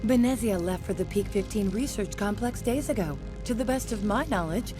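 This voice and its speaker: A woman's voice: mid-range voice, lively intonation, normal speed, music in the background, close to an everyday voice. A woman playing a guarded corporate port official in a video game, formal and businesslike. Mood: cool, businesslike. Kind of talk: video game character dialogue.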